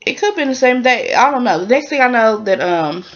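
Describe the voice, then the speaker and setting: A woman's voice: fairly high pitch, animated, a little fast. A woman casually recapping a drama episode in a rambling way, with plenty of fillers. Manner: rambling, many fillers, acts out the characters' lines. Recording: dull lo-fi recording.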